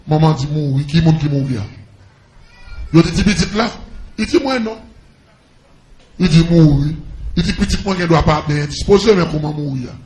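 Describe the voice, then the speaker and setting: A man's voice: on the high side, normal speed, long pauses, darkish tone, roomy sound. A man with a Haitian accent preaching a testimony to a congregation, calling out to them with fervor. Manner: impassioned preaching with call-outs to the congregation.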